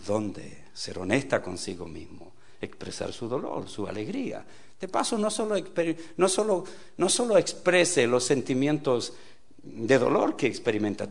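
Animated man preaching, lively pitch. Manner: animated, swings from loud exclamations to quiet asides; rhetorical questions to the audience. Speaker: pastor. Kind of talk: sermon.

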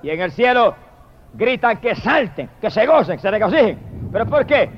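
A man preaching a fiery sermon, swinging from shouted hallelujahs to low murmured praise. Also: very animated, normal speed, noisy background. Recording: dull lo-fi recording.

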